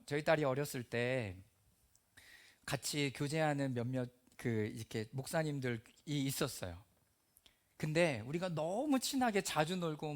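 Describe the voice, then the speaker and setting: Animated, high-voiced male pastor preaching. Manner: animated, acting out quoted voices and dropping to near-whispers. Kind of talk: sermon. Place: church hall.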